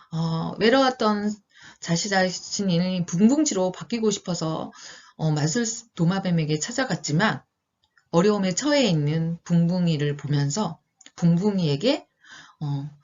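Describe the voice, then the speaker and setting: A woman in her fifties, an elementary school teacher, reading a picture book aloud and then talking it over gently with children, pausing often with fillers. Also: fairly low pitch, muffled recording. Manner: gentle, questioning teacher talk with many pauses and fillers.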